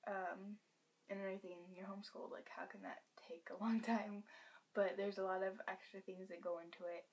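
Teen girl vlogger, hushed half-whisper, rambling casual update from home. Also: medium pitch, flat delivery, fairly quick. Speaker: pet vlogger.

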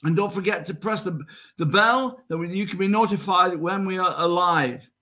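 A man's voice: high voice, normal speed, pushed and bright. An older man hosting an online show, announcing the channels and introducing the guests over a video call. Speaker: show host. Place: indoor room at home.

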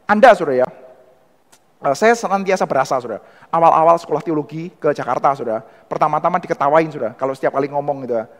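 A man with a Surabaya accent giving an animated church history lecture, who keeps calling his listeners "Saudara". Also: fairly high pitch, fast talker, long reverb tail. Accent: Surabaya Indonesian. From Indonesia. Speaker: theology lecturer.

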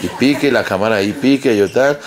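A young man with a Colombian accent, a comedian telling a crude, animated anecdote and laughing as he goes. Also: medium pitch, fairly quick. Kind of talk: comic storytelling.

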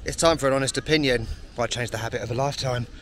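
A man's voice: mid-range voice, very fast, a bit bright. Man, travel vlogger, casual walk-and-talk, wry asides, outdoors on city streets, camera mic, faint street noise. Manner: wry, self-deprecating asides. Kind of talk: casual walking commentary. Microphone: camera mic while walking. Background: faint street and traffic noise.

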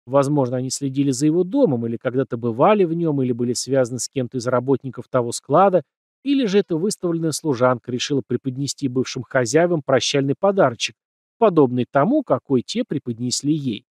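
A man's voice: medium pitch, animated, fast talker, darkish tone, dry recording, studio quality. A man narrating a first-person crime story as an audiobook, acting out bits of dialogue.

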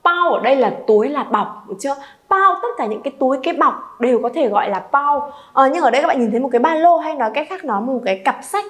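Lively woman teaching Chinese. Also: high-pitched, fast. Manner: lively, coaxing students to repeat aloud. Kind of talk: beginner language lesson.

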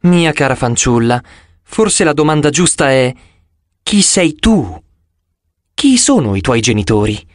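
A man voicing a calm, gentle goddess who speaks slowly and formally in an audiobook. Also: medium pitch, no room sound, studio quality. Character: young-looking goddess, calm, gentle and ancient.

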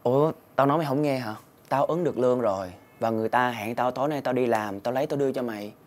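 A man's voice: mid-range voice, fast, natural voice. A young man, playing a hard-up student who defends himself in a quarrel, with music underneath. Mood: defensive. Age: young adult. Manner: pleading, then heated and shouting. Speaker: student and part-time worker. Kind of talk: web sitcom acting.

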